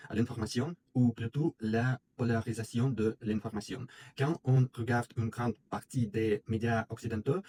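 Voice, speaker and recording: A man from Russia, a native Russian speaker with a Russian accent, giving an opinion monologue as a video creator in a halting, hesitant non-native way. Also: mid-range voice, dark tone, a little hiss or hum.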